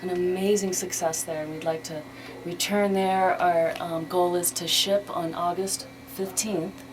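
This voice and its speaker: A woman with a voice on the low side, a steady tone, and a measured pace talks casually as a charity organizer appearing as a radio guest. Noise is clearly audible throughout the interview recording.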